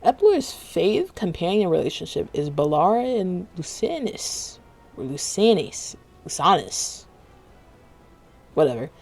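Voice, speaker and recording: A man rambles through a late-night reaction stream, cursing freely and breaking off mid-thought. His voice sits a little high and has a gravelly edge, slightly thick from the retainers in his mouth. Faint music plays underneath. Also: a little mellow, no room sound. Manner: rambling, profane, self-interrupting. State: talking with retainers in. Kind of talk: casual reaction commentary.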